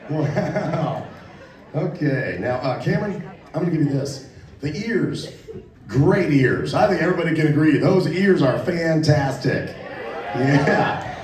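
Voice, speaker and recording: Loud teasing male emcee, heard from afar. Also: a little high. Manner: loud, teasing, mock-outraged banter. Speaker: show emcee. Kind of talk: live comedic emceeing. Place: live outdoor show venue with audience. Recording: distant, echoey, with crowd noise.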